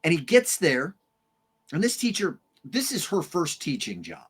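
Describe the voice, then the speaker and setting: A man's voice: a little high, huge pitch swings, measured pace, fairly bright tone, slightly rough. A man who is a parent and hosts a podcast, telling a story animatedly in casual chat and swearing freely. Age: adult parent. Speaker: podcast host. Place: streamed studio room.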